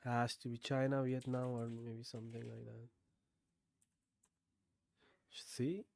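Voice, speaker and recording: A man's voice: medium pitch, level tone, takes it slowly, vocal fry, a little mellow. A man streaming a guessing game, thinking aloud with frequent swearing and sudden bursts of disbelief. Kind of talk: casual game commentary.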